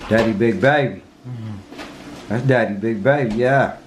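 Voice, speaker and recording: A man's voice: medium pitch, measured pace, soft background music. A young man chatting casually at home in a vlog, patiently coaxing a little child to sit down and eat. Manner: gently coaxing a toddler, relaxed and patient. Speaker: vlogger and father. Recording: noisy home video.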